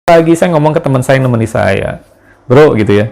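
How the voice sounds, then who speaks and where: A man, a guest in an interview, telling his life story in relaxed conversation with some hesitations. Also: mid-range voice, fairly quick, vocal fry, very noisy.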